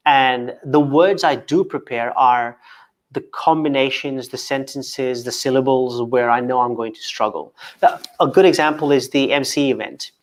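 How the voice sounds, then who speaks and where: Speaking at normal speed with a medium-pitched voice, a man from Kenya appears as a guest in a casual video call interview. English isn't his first language, and he regularly repeats words and stutters as he begins again.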